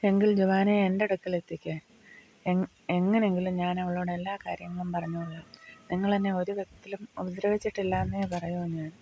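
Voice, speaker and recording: Captive mother pleading for her family, voiced by the audiobook reader; even, gravelly delivery. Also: on the low side, brisk. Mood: urging. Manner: pleading, sorrowful questions. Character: grieving mother held captive far from family. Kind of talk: audiobook reading of a novel.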